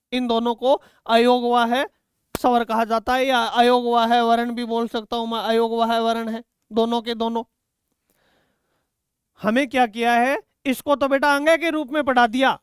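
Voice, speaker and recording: A male grammar teacher lectures in a high, crisp voice that speaks Hindi. He drills key words again and again, stretching them out for his students. The sound is dry and close, with no room echo. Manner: repeats key words slowly, addresses students as "beta". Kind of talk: exam-prep grammar lesson.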